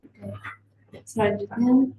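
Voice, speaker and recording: Slow, hesitant teen girl presenting. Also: on the high side, steady tone, warm tone, a little hiss or hum. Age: teens. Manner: hesitant, many pauses and fillers. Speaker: student presenter. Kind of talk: class presentation. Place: classroom. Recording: echoey classroom.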